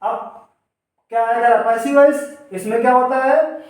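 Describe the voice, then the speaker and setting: Far from the microphone in a room full of echo, a male teacher with a very high-pitched voice gives students a grammar lesson. His intonation stays fairly even and his pace measured as he explains step by step, often questioning and then answering himself while speaking straight to the students.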